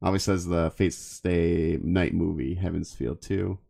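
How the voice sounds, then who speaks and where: Very deep gravelly man chatting casually. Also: mellow. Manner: rambling, halting restarts. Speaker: podcast co-host. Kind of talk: casual chat about anime.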